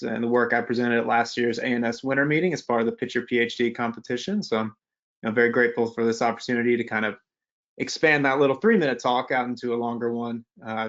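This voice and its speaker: A man's voice: mid-range voice, a bit bright, lo-fi sound. Young man giving a webinar. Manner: casual, conversational, with many fillers and restarts. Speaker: webinar presenter, postdoctoral researcher. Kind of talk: technical webinar presentation.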